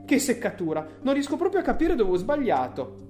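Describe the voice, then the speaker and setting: An eccentric candy maker frets and sighs in a high, oddly pitched voice, as a woman reader puts him on. He fusses apologetically in a storybook reading. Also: huge pitch swings, a little fast, dark tone, soft background music. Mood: apologetic. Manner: sighing, apologetic, fussing.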